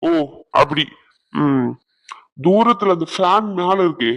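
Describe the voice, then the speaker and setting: A man's voice: fairly high pitch, expressive, takes it slowly, a bit bright. A man voicing bickering young men in a cartoon, one of them a drunk friend, another a groom.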